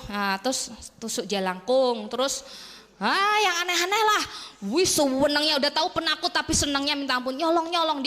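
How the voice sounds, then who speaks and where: A woman gives a motivational talk, her voice pitched high as she tells lively stories and acts out the people in them. Her words ring with a long reverb, as if she is speaking in a hall. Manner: animated storyteller acting out quoted voices.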